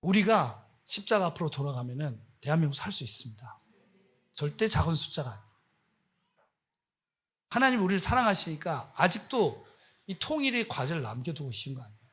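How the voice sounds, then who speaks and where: A man's voice: fairly high pitch, very animated, brisk, long pauses, fairly bright tone, slightly rough. A man preaching as a missionary, impassioned and scolding, firing off rhetorical questions at his listeners. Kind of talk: sermon.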